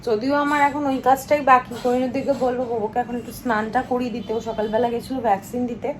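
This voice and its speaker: A woman's voice: a little high, steady tone, quick pace. A tired woman chatting casually to her viewers in a home vlog, complaining about chores and lost sleep. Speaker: family vlogger. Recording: echoey room, distant from mic, noisy.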